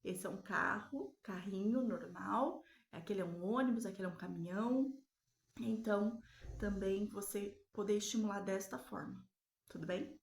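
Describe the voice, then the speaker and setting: Gravelly-voiced woman teaching a lesson. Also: mid-range voice, darkish tone, echoey room. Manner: explanatory, frequent tag questions, drawn-out pauses. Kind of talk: recorded lesson on child development.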